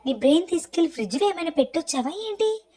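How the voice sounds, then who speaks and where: A woman voicing an angry young man who scolds a coworker sharply and fast. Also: extremely high pitch, sing-song, warm tone, pitched above the performer's own voice.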